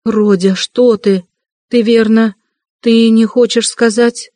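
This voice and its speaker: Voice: medium pitch, fairly even intonation, unhurried, darkish tone, dry recording, close to an everyday voice. A fretful elderly mother in a dry, close audiobook reading, put on by the narrator. She pleads and worries in a lifted, trembling tone. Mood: anxious pleading. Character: elderly anxious mother, timid and tearful.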